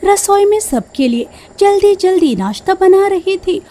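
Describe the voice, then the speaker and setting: A woman narrating a cartoon family story in a steady storytelling manner. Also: very high-pitched, a little slow. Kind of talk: scripted narration.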